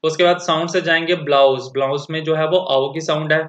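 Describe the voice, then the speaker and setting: Guy teacher going thru a textbook, bright slightly high voice, slow careful english. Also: fairly even intonation. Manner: reads English slowly then explains in Hindi. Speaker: school teacher. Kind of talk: textbook lesson walkthrough. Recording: echoey, dull lo-fi audio.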